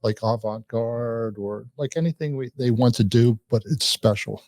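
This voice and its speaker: A man co-hosting a podcast, chatting casually and relaxed about salon work. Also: mid-range voice, moderate pace, no room sound. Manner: brief agreeable replies, relaxed. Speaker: salon co-host. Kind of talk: casual chat.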